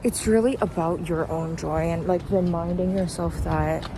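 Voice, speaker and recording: A young woman vlogs while walking outdoors along a noisy street with traffic, rambling in a casual, reflective way. Her voice is lowish and her pace moderate.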